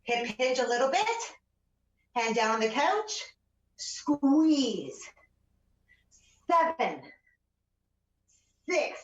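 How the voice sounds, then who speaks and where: A woman leading a home workout as a fitness instructor, counting out repetitions and giving short, encouraging, energetic cues. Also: high voice, extremely slow, long pauses. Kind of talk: exercise class instruction with counting aloud. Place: indoors at home, room with a couch. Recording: roomy, distant, dull home-video sound.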